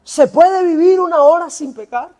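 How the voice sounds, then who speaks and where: A man's voice: extremely high pitch, normal speed, dark tone, pitched above the performer's own voice. A man playing a pleading young son. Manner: pleading questions.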